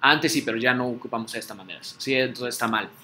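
A man's voice: medium pitch, fast talker, bright, forceful tone, slight background noise. A man teaching a language class, patiently leading drills and checking that students follow. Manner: patient, repeats words for students to echo, frequent "¿sí?" checks. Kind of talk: online class drill, call and repeat.

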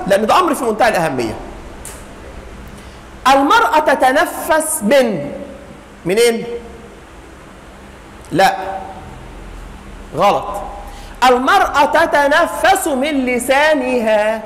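A man's voice: extremely high pitch, a bit bright. A middle-aged man with an Egyptian Arabic accent teaching like a wise mentor, giving advice with humour and acted-out examples in a public lecture. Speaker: family-studies teacher giving a religious lesson. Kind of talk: animated public lecture in colloquial speech. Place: indoor hall, speaking to an audience. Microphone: clip-on lapel microphone. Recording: echoey hall with faint noise.

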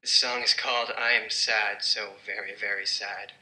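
Glum deep-voiced singer, as a woman puts him on. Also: steady tone, rapid-fire, heavy background noise. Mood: mock gloomy.

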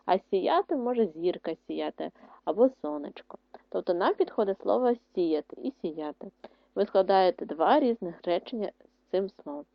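A woman teacher giving a primary school language lesson, dictating words slowly and clearly with strong stress on syllables. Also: mid-range voice, no echo. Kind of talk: online lesson explanation. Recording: dry, dull lo-fi sound.

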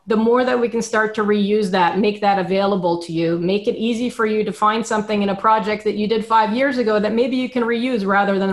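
A woman in her thirties, a product manager, explaining points in order on a video call from a dim room at home. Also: mid-range voice. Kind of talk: panel discussion on a video call. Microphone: webcam on a video call.

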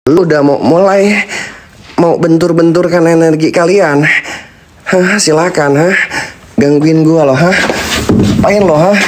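A man's voice: a little high, a little slow, pauses often, a little hiss or hum. Taunting young man on a ghost hunt. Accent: Indonesian slang with Sundanese touches. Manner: taunting and shouting challenges at spirits; muttering Islamic prayers under his breath. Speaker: ghost-hunting vlogger. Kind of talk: casual horror exploration vlog. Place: abandoned building, indoors.

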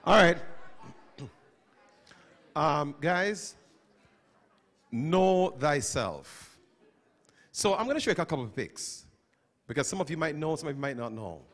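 Slow-paced and on the high side, a middle-aged man's voice carries long pauses as he teaches students in a school chapel. Using a handheld microphone, he stays animated, questioning the group and calling on individuals.

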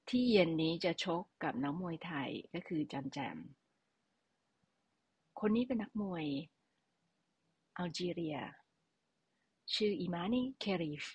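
A woman's voice: on the low side, husky, no echo. A woman teaching a language lesson, patiently explaining and repeating key words for her students.

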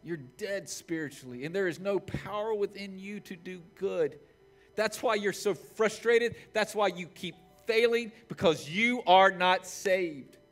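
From the stage of a church, a man in his forties preaches as pastor, alternating between raised, shouted lines and soft, whispered prayer. He speaks in a high-pitched voice, a little slowly, over soft background music.

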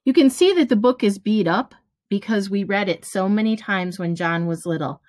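Reading a children's storybook aloud, a middle-aged woman teacher takes it phrase by phrase at an unhurried, deliberate pace. Her mid-pitched voice has a darkish tone, and the sound from the webcam or arm's-length device in her small home room is dry and close, with no echo.

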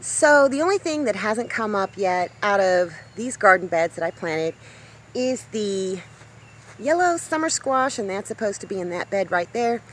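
A homesteading vlogger in her fifties chats to a handheld camera about her garden, standing outdoors in a rural yard beside a tiny house. Her mid-range voice has lively intonation and a normal speed, with slight background noise. Upbeat and chatty, she exclaims at small discoveries in this casual outdoor vlog.

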